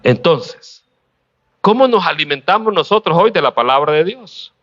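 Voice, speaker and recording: Preacher with rhetorical questions. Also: male voice, a little high, animated, fairly bright tone, dull audio. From Honduras. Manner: preaching with pauses, rhetorical questions and light laughs. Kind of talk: sermon.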